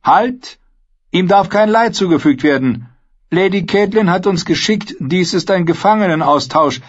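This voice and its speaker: A brave, stubborn young woman knight speaks firmly and with command in a much higher, louder voice, as a male narrator acts her out. She sounds like a character in an audiobook, and the recording is dull and lo-fi. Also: normal speed.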